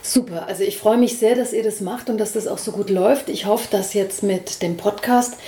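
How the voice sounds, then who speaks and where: A woman's voice: medium pitch, normal speed. A woman hosting a podcast interview, speaking in a conversational, affirming way with frequent fillers. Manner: warm, affirming, many fillers. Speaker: podcast host and politician. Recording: echoey room.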